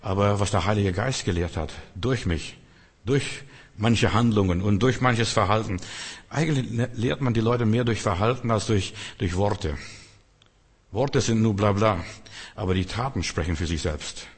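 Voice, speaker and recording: Husky-voiced man preaching in a reverberant hall. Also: on the low side, moderate pace. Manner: earnest, acts out quotes, drops to soft tones. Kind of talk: sermon. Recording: long reverb in a large hall.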